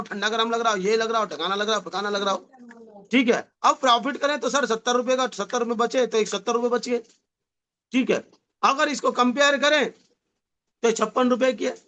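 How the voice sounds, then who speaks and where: A man giving a lively motivational sales seminar, repeating phrases and calling the audience his dear friends, with a slight touch. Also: very high voice. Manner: animated, repetitive, addresses audience as "my dear friend". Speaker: network marketing trainer.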